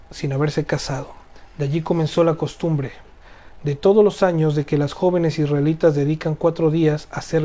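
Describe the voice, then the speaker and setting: An earnest Bible study teacher reads scripture and explains it to a small group. The speaker often repeats key phrases and tags points with rhetorical questions, at an even, moderate pitch.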